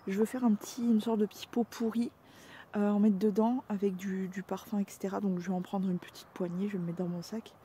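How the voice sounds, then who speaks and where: A woman chatting casually to her viewers in a vlog, outdoors in a cold yard with her animals, sometimes switching to high, cooing baby talk toward them. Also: little pitch movement, fairly quick, warm tone, slight background noise. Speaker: vlogger.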